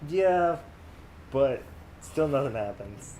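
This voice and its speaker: A man's voice: mid-range voice, animated, slow pace, mellow, a little hiss or hum. A man on a group livestream chat, talking in a wry, self-mocking way. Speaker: team member on livestream.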